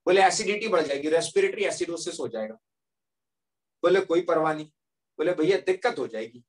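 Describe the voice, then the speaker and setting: A male teacher giving a lively classroom lecture as a story, often checking that students follow. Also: on the high side, fairly quick, distant mic.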